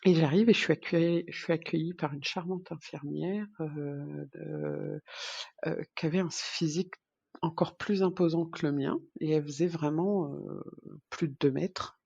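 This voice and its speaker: A woman from France, a podcast guest, telling a lively story, acting out the dialogue and laughing often. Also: low-pitched, normal speed, vocal fry, slightly rough, dry recording. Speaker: podcast guest, expat mother. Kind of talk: casual storytelling interview. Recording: dull lo-fi recording.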